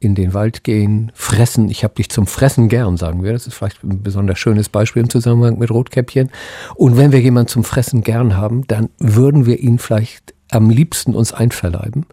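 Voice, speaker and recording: A middle-aged man giving expert explanations in a radio interview, thoughtful and halting, pausing mid-phrase. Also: fairly low pitch, fairly even intonation, warm tone, slightly rough, dry recording, clean studio sound. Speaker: psychoanalyst and academy president, interview guest.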